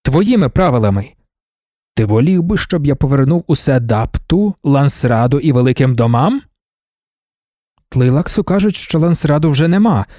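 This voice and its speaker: Here is a blunt, wary soldier who keeps pressing with short, pointed questions, as a man reads him. The voice has a mid pitch and a mellow, darker tone. The recording is dry and close. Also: expressive, normal speed, no room sound, close to an everyday voice.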